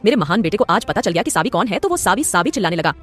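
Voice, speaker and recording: A woman's voice: medium pitch, sing-song, racing, soft background music. A woman voicing a scolding old father. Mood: scolding, explaining. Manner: scolding, lecturing. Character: stern older father, scolding then tender.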